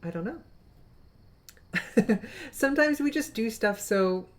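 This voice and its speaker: A woman's voice: fairly high pitch, animated, slow, poor audio. A woman co-hosting a game playthrough, musing thoughtfully in rambling sentences full of fillers. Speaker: let's play co-host. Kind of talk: casual game commentary.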